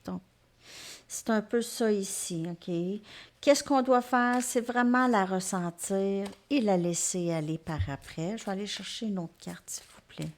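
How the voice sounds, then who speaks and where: A woman gives a tarot reading to her viewers, gently reassuring them and often checking in with them. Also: mid-range voice, unhurried. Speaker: tarot reader.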